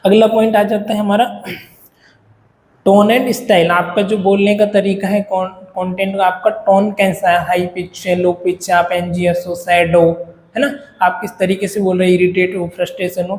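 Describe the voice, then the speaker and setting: A man's voice: high-pitched, a little mellow, slight background noise. A man teaching a lecture, explaining step by step and checking in with the class. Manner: Hinglish explaining with frequent "है ना". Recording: echoey room with faint ambience.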